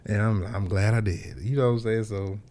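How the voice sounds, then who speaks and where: Laid-back low-voiced man talking casually. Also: fairly even intonation, fairly quick, darkish tone. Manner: laid-back, rambling, laughs often. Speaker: podcast host. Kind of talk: casual conversation.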